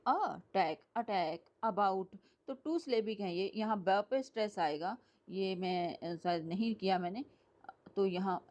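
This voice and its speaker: Slow, patient woman teaching. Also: medium pitch, lo-fi sound. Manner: explains step by step, often checks "clear?". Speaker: English teacher. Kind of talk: classroom lecture mixing Hindi and English.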